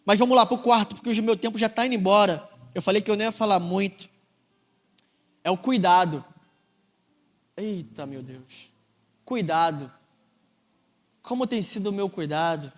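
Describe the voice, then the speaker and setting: High-voiced Brazilian deacon in reverberant church. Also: male voice, brisk, pauses often. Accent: Brazilian Portuguese, Rio de Janeiro. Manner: earnest, personal storytelling with rising emphasis. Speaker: deacon preaching. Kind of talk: sermon. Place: large church hall.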